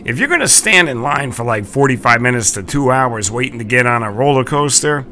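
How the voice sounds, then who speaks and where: A man's voice: medium pitch, animated, a little fast, sharp tone, a little hiss or hum. A man hosting a vlog with chatty, folksy, informal commentary. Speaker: vlog host.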